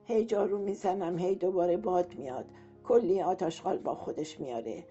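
A young neighbor girl grumbles plaintively about her chores, read by a woman in a storybook recording. The voice is low and mellow, and the recording is muffled with faint music. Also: close to an everyday voice. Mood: complaining.

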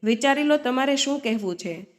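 A woman's voice: high voice, lively intonation, a little fast. A woman voicing a firm outspoken daughter. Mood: confronting. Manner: firm, scolding. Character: outspoken grown daughter defending her mother.

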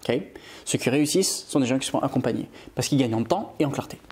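A man's voice: mid-range voice, fast, a little mellow. A man from Scotland, an online English teacher, giving an upbeat motivational video lesson and switching between French and English.

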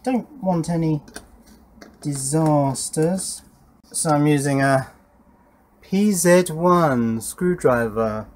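Speaking slowly and pausing often, a middle-aged man with a fairly high voice talks through his electronics project in a little wooden garden shed. He's a hobbyist presenting the build, informal and thinking out loud while he works with his hands.

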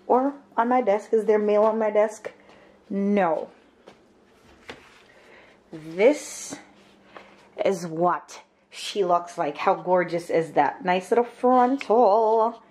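A woman's voice: medium pitch, darkish tone. Young woman, home vlogger, rambling casual chat, held camera close, faint room hiss. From Jamaica. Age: 20s. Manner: chatty, rambling, thinking aloud with many fillers. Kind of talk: casual daily vlog chat. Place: small home kitchen and spare room indoors.

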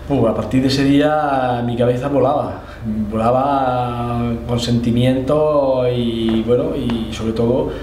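This middle-aged interviewee from Andalusia, Spain, a Holy Week proclamation orator, has a slightly mellow mid-range voice with fairly even intonation, and he talks slowly with hardly any pauses. He recounts his story conversationally, with frequent tag questions, in a room with display cabinets; the sound is echoey, a bit distant and faintly noisy.

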